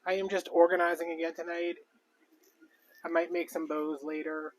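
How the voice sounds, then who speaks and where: A man's voice: fairly high pitch, level tone, moderate pace, a little hiss or hum. A man chatting casually and rambling with lots of fillers while crafting on a live stream. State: out of breath. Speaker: crafting vlogger.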